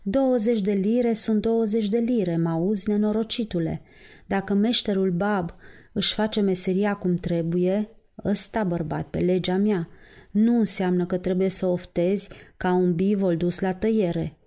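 A woman's voice: mid-range voice, fairly even intonation, mellow, close to an everyday voice. Woman putting on a scolding greedy innkeeper's wife. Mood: scornful. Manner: curt, scolding. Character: sharp-tongued greedy middle-aged innkeeper wife. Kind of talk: audiobook reading.

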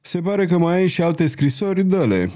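A man's voice: sits high, sing-song, mellow, voice pushed up. A man reading aloud, voicing a bored king who speaks in an apathetic, drawling tone. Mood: languid, apathetic. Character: weary, bored male king, languid.

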